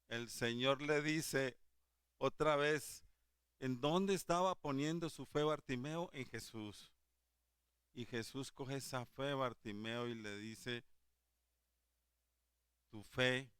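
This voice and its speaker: A man delivers a Sunday sermon in a bright, forceful voice that rings smooth and clear. He swings from fervent, emphatic exhortation to hushed tenderness when quoting Jesus. The sound is dry and close, with no room around it. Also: mid-range voice, no room sound. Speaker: lay preacher.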